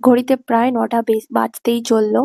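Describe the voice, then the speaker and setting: A woman giving a chatty voice-over for her vlog, her throat a little hoarse this morning, mixing in English words. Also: on the high side, level tone, a little fast, warm tone, no echo. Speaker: vlogger. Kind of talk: casual voice-over narration. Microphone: voice-over mic.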